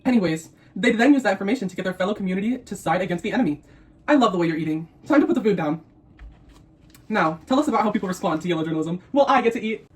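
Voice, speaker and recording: A woman's voice: mid-range voice, animated, rapid-fire, darkish tone. A young woman co-hosting a video, switching between scripted facts and snippy, playful teasing. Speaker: co-host of a mukbang video. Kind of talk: scripted explainer mixed with playful banter.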